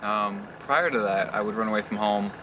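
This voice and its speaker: A man's voice: fairly low pitch, normal speed, dull audio, noisy background. A man speaking plainly and evenly in a documentary interview about his life. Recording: music playing under the voice.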